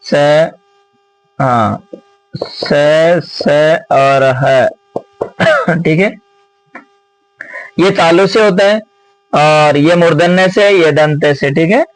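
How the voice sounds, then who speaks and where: A man teaching Sanskrit grammar and working through exam questions, explaining slowly, repeating himself and asking his students many rhetorical questions. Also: on the high side, low-quality recording. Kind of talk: exam question walkthrough lesson.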